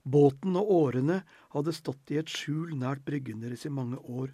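A man with a husky voice narrating an audiobook in a measured, even reading. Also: mid-range voice, no room sound, clean studio sound.

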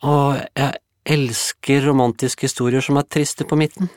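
A man's voice: mid-range voice, little pitch movement, dry recording, voice pushed up, close to an everyday voice. A man voicing a dreamy, wry young neighbor girl who talks in a sighing, matter-of-fact way.

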